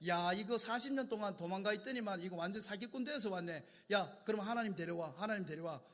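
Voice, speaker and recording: A man's voice: high-pitched, quick pace, fairly bright tone. A man voicing a scornful, mocking male pharaoh who taunts and boasts, within a sermon.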